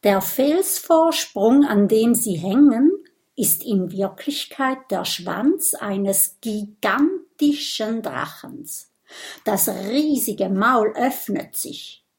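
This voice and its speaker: A woman narrating a children's audiobook in a slow, clear storytelling manner. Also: a little high, animated, a little mellow.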